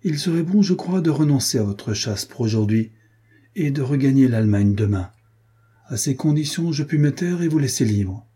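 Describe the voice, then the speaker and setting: Cool young nobleman read by a man, husky, raised pitch, calm measured delivery.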